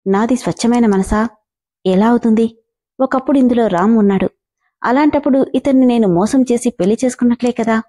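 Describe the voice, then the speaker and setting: Brief: a woman reading as a timid young wife, soft and pleading, mellow tone, storybook reading. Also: fairly high pitch, fairly quick, natural voice. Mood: anxious.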